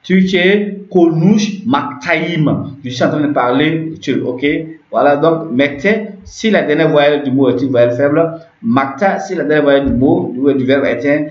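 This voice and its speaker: A man's voice: fairly high pitch, measured pace, few pauses. A man teaching a grammar lesson, explaining step by step, repeating terms and often checking that listeners follow. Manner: repetitive, checks understanding with frequent "ok". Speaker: language teacher. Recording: echoey, dull lo-fi room recording.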